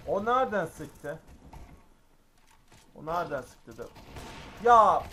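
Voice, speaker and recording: A man commentating his own gameplay, excitable and frequently exclaiming and grumbling at the game. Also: high voice, a little hiss or hum. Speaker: gaming YouTuber.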